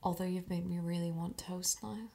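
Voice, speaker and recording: A woman's voice: lowish voice, steady tone, normal speed, vocal fry, dark tone. A woman co-hosting a podcast in casual chat, playful and teasing, recorded at home. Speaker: podcast co-host. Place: home in the Netherlands.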